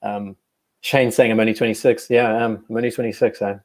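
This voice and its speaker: A man's voice: lowish voice, level tone, a little fast. Chatty young man hosting a livestream. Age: 20s. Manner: chatty, reads live chat aloud, self-correcting. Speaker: host. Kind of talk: casual livestream chat.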